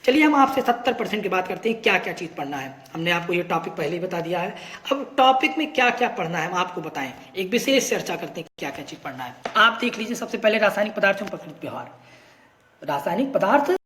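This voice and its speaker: A woman's voice: on the low side, animated, quick pace, a bit bright, a little hiss or hum. Echoey woman teacher reading a syllabus. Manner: asks students questions then answers them herself; reads topic lists one by one. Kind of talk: syllabus walkthrough lesson. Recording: echoey room.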